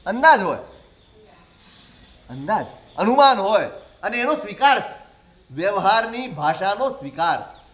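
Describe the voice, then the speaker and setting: A man, a Jain monk, preaching a sermon in a conversational way, with rhetorical questions and gentle humor. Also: high-pitched, very animated, unhurried, long pauses, dull audio.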